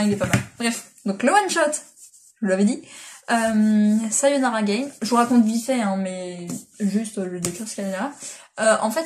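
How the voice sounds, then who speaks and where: A woman's voice: a little high, slight background noise. A young woman chatting casually as a manga vlogger, rambling with lots of fillers and restarts, on a built-in device mic. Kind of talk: casual chat.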